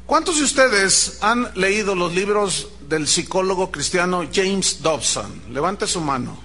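A man with a Mexican Spanish accent preaching a sermon, animated, imitating shouting crowds and questioning the congregation. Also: sits high, a little slow. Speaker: pastor.

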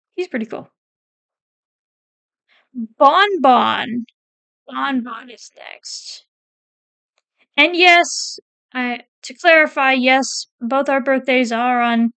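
With a high, creaky, slightly bright voice and no echo, a woman casually works through a ranking of game characters. She hesitates and corrects herself as she reads out quotes from a wiki, commenting along the way.

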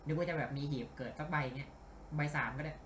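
A man giving casual let's-play commentary, animated and grumbling and cursing at the game as he plays. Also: on the high side, fast talker, reverberant, noisy background. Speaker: game streamer.

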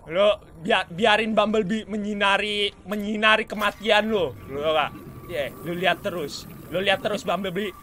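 A man doing excitable, trash-talking let's play commentary, mixing in English swears. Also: very high-pitched, a little hiss or hum. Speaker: gaming YouTuber.

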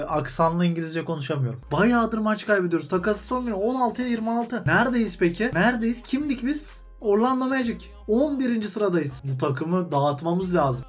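A young man giving rambling, jokey commentary over a basketball game as he plays. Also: sits high. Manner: rambling, jokey, talks to himself while choosing players. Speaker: gaming YouTuber. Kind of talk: joking gameplay commentary.

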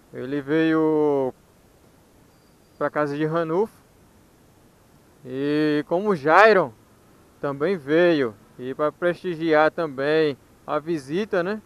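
A man's voice: a little high, takes it slowly, pauses often, smooth. A man in his thirties with a Northeastern Brazilian accent, chatting casually as a motovlog host. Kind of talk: casual vlog chat.

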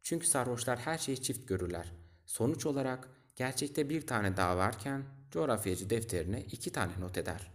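A man's voice: mid-range voice, lively intonation, normal speed, close to an everyday voice. A man reading aloud, voicing a bookish, self-important old male geographer from a storybook who lectures. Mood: lecturing.

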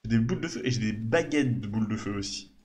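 A man's voice: on the low side, expressive, fast talker, darkish tone. A man from Lille in northern France, streaming a role-playing game and reading the characters' lines aloud in his own voice, joking between them. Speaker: gaming streamer. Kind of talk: let's-play reading game dialogue aloud.

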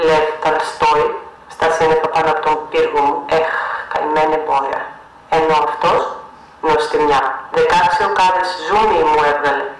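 A man's voice: on the high side, natural voice. A man voicing a boastful, menacing male dictator, gloating and mocking during a live reading. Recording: echoey venue, mic far off.

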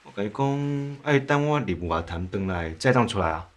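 A man's voice: on the low side, lively intonation, normal speed, natural voice. An actor playing an earnest, awkward young father who coaxes and lectures his baby in a mock-stern way. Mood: bantering. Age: young adult. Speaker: new father. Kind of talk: TV drama acting.

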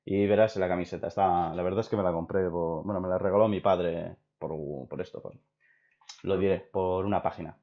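A man's voice: sits low, brisk. Rambling young man with a Spain Spanish accent. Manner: excitable, rambling, many restarts. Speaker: video host. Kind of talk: casual opinion chat with a friend. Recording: dull lo-fi recording.

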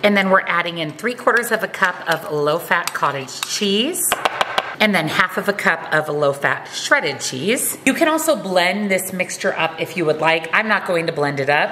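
A woman's voice: on the low side, bright, forceful tone, slight background noise. Woman talking through a meal prep. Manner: friendly step-by-step instructions. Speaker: cooking channel host.

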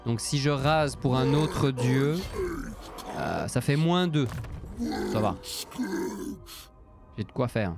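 A man's voice: medium pitch, expressive, slow, creaky, long pauses, over loud music. A man from Belgium, casually commenting on a strategy game while thinking aloud and thanking viewers. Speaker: streamer.

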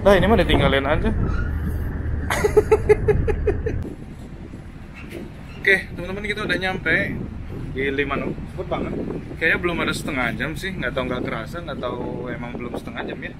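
A man's voice: fairly high pitch, sing-song, moderate pace, pauses often. Chatty man motovlogging at a port. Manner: chatty, explains tips with filler "eh". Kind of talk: casual travel vlog commentary. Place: outdoors at port and on ferry deck. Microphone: helmet or selfie action camera. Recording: loud engine and wind noise.

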